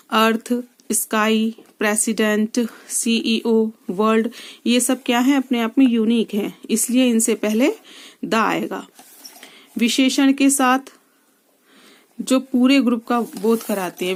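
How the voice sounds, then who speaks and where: A woman's voice: on the high side, darkish tone. A woman English teacher explaining grammar rules step by step, asking her students questions as she writes on a board. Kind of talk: classroom grammar lesson.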